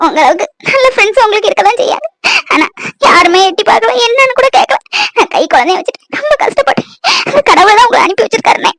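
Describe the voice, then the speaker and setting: A piercingly high, quick young cartoon mother , voiced by a woman, sobbing and pleading in speech. She sounds worn down and grateful, talking fast through her tears. The sound is dry and close. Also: no room sound. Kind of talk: cartoon voice acting.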